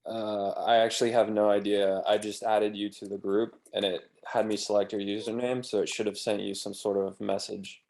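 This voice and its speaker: Low, gravelly man running a call. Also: level tone, normal speed, few pauses, a little mellow. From United States, East Coast. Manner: easygoing, organizing the group. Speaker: meeting organizer. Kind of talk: casual video-call meeting. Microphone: video call.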